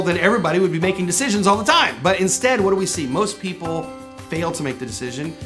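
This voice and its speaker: A middle-aged man hosting a podcast, giving an earnest, emphatic motivational talk full of rhetorical questions. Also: high-pitched. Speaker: podcast host and personal development coach.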